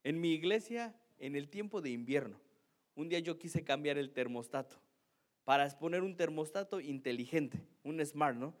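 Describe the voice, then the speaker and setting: A male pastor preaching in a loose, chatty way, poking fun at his own mistakes. His voice sits a little high for a man, and he keeps tagging his lines with a quick "¿no?". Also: lively intonation. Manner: self-mocking, chatty, keeps asking "¿no?". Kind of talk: sermon with a humorous personal story.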